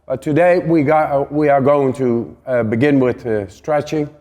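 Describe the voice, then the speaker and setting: A man's voice: mid-range voice, moderate pace, warm tone, long reverb tail. A man hosting a video course, speaking with many hesitations and fillers. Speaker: course host. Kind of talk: introducing a course.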